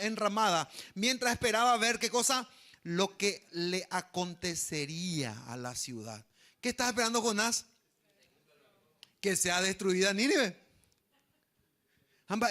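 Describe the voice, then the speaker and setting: A man delivers a lively sermon. His voice sits high and sounds bright and forward. He keeps asking the congregation questions and acts out quoted voices. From Paraguay. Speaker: pastor.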